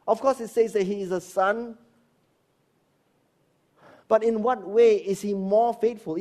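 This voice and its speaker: A middle-aged man preaching a sermon, animated, firing rhetorical questions and dropping into low asides. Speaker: pastor.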